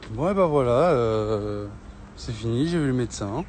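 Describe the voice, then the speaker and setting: Jeune Français au parler cru, son bruité. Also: male voice, medium pitch, expressive, normal speed, a little mellow, slight background noise. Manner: offhand, blunt, swearing. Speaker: vlogger filming stories for followers. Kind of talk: casual chat to camera, slangy.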